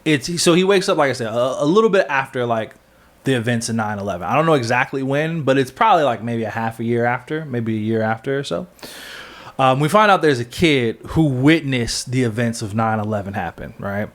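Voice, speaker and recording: A man's voice: medium pitch, expressive, fairly quick. A man with a mid-range voice talks through a comic plot in a loose, casual podcast chat. He rambles, leans on fillers and keeps backtracking to fix details. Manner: rambling, filler-heavy, self-correcting storytelling. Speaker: podcast co-host.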